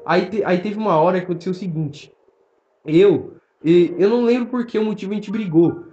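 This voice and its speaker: A young man with a Brazilian accent, telling stories in fast, slangy casual podcast chat full of fillers. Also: high-pitched, dark tone. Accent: Brazilian Portuguese. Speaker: podcast co-host. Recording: roomy, dull lo-fi sound.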